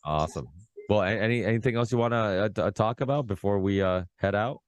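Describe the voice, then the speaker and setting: A man in his thirties from Massachusetts, hosting a podcast in casual chat, rambling and excitable, full of fillers and restarts. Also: on the low side, quick pace, no echo. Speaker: podcast host.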